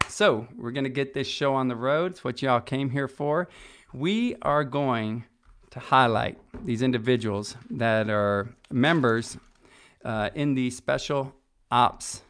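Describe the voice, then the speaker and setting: Man, middle-aged, podcast host, clear smooth voice, mid pitch, eager casual delivery, lots of uhs and restarts. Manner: energetic, enthusiastic, with many fillers and restarts. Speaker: podcast host and conference organizer. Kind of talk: casual promotional podcast talk.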